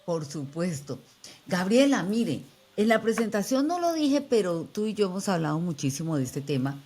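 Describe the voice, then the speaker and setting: A woman hosting a podcast interview, introducing her guest in a measured, emphatic way. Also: lowish voice, sing-song, darkish tone. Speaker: podcast host.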